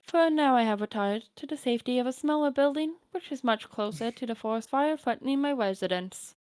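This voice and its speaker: A woman voicing a dry, sardonic teenage girl in a deadpan, wry manner. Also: fairly high pitch, fairly quick, clear, resonant tone, no room sound, natural voice.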